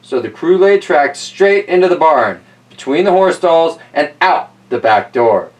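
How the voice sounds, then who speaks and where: A man with a slightly high, very animated voice reads a children's picture book at a measured pace, tossing in playful, wry asides about the story. He's recorded from a distance, and the audio is poor.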